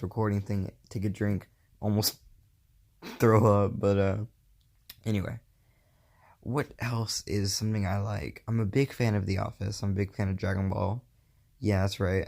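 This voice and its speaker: Gravelly low-voiced young man rambling. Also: a little mellow. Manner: rambling, self-correcting, lots of fillers. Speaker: podcast host. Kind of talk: casual solo podcast chat.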